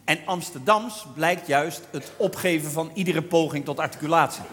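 A man telling a humorous story about a pub, imitating drawn-out Amsterdam singing. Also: on the high side, in a large hall, heavy background noise. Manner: lively, imitates Amsterdam singers with drawn-out vowels. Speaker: storyteller on stage.

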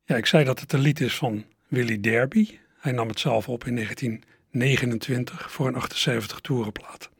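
A man presenting a radio program, calmly explaining the story behind old records. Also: mid-range voice, a little fast, slight background noise. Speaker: radio host.

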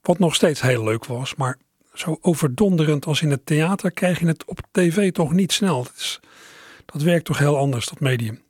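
Middle-aged male radio host, slightly husky, close and dry, relaxed reflective chat. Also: on the high side, normal speed, dry recording. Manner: musing, conversational, addresses listeners directly. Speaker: radio presenter.

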